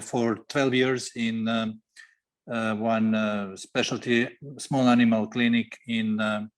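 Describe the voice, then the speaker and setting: Man in his forties, veterinarian guest, halting delivery, mid-pitched voice. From Serbia. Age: 40s. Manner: halting, many fillers, non-native grammar. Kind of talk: podcast interview.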